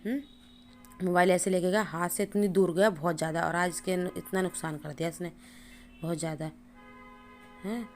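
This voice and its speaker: Chatty woman vlogger, low voice. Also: fairly even intonation, normal speed, long pauses, darkish tone, faint music behind. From India. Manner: chatty, repeats "हैं" and "hmm" as fillers. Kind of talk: casual family vlog narration.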